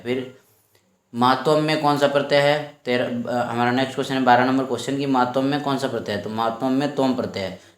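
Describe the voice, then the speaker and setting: Echoey male teacher explaining exam questions. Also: mid-range voice. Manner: explains step by step, repeats each question aloud. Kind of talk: exam-prep lesson. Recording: echoey room.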